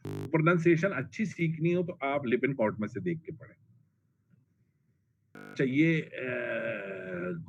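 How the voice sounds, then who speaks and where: In a mid-range, slightly mellow voice, a man lectures on pharmacology bluntly and colloquially, saying drug names over and over to stress them. The classroom recording is dull and lo-fi, with faint noise.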